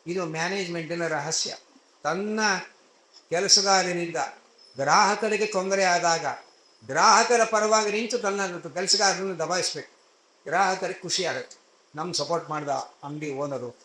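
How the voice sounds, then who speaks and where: A man's voice: sits high, a little slow, sharp tone. A man giving a religious discourse, telling scripture stories in a conversational way with everyday asides, recorded in an echoey hall. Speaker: spiritual discourse speaker.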